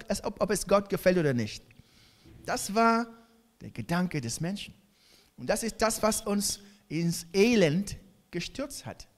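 A middle-aged male pastor delivers a sermon in a high, very lively voice that swings widely in pitch. He speaks slowly and deliberately, hammering points home through repetition. He turns to the congregation with direct questions.

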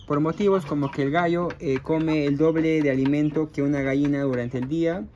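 A man's voice: a little high, steady tone, fairly quick, dark tone, muffled recording, slight background noise. A man running a small poultry project, chatting casually to his viewers with plenty of fillers. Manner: chatty, addresses viewers as friends, frequent fillers. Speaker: small-scale poultry farmer. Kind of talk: casual vlog explaining his chicken project. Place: outdoors at a chicken coop. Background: hens and roosters clucking faintly.

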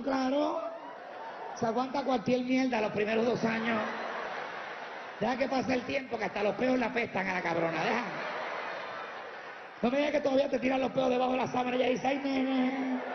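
Heard in a muffled, noisy recording from an echoey room with a long reverb tail, a very high-pitched man from Puerto Rico does profane, brash stand-up comedy. He ribs the crowd, speaking with a Puerto Rican Spanish accent.

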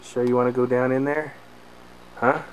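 A man's voice: medium pitch, flat delivery, normal speed. A man filming himself on a forest trail, narrating with playful mock-dramatic asides on a handheld camcorder. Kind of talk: jokey handheld hiking commentary. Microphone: handheld camcorder mic. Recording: noisy outdoor camcorder audio.

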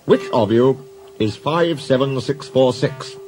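A man voicing a stern, brisk male railway boss who speaks in a clipped, firm way. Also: medium pitch, over music, pitched above the performer's own voice, natural voice. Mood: grim.

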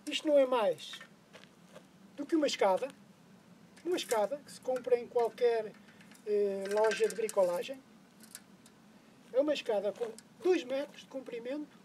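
A middle-aged man with a European Portuguese accent, host of a kayak fishing channel, patiently explains a DIY setup step by step on a lakeshore, hesitating now and then in this how-to narration. His voice is very high with a darkish tone, and there's slight background noise.

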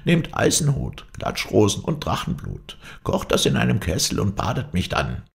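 A man's voice: on the low side, huge pitch swings, normal speed, gravelly, pitched above the performer's own voice, full character voice. A man voicing a scheming old witch in a storybook reading, with a screeching, pleading voice. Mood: wheedling. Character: old hag Berberiska, scheming and shrill.

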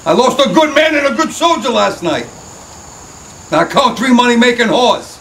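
A man's voice: high voice, moderate pace, fairly bright tone, slight background noise. A man playing a foul-mouthed menacing tough guy. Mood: shouting. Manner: profane, threatening. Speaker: actor in film scenes. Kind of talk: film drama acting. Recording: film audio with music underneath.

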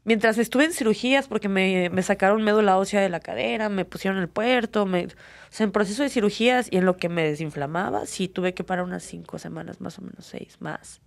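A woman's voice: mid-range voice, brisk, gravelly, no room sound. A young woman with a Mexican accent, an MMA fighter telling her story earnestly in an interview, with many fillers. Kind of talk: candid personal interview.

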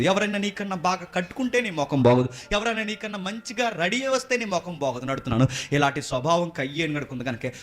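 A man pastor preaching a sermon, asking rhetorical questions and repeating warnings as his voice climbs to high, emphatic peaks.

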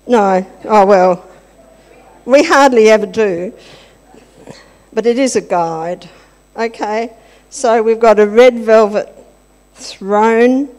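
Taking it slowly with long pauses, an older woman speaks in a slightly high, a little mellow voice, chatting with children and asking questions in a playful church-service talk. Her handheld mic picks up the long reverb of the large hall where the congregation sits.

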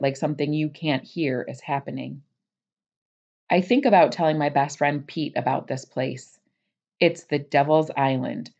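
A woman with a low, deep voice reads a chapter book aloud for her students, leaning into the narrator's jumpy, wry asides. The sound is a bit dull and lo-fi, like a modest home recording. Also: a little mellow. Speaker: teacher reading aloud. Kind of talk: read-aloud of a novel.

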